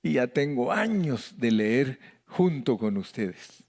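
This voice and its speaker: A man's voice: mid-range voice, sing-song, slow pace, darkish tone. A middle-aged man with a Mexican accent, a pastor leading a Bible study in a joking, folksy way that mimics voices and calls out to the congregation. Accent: Mexican Spanish.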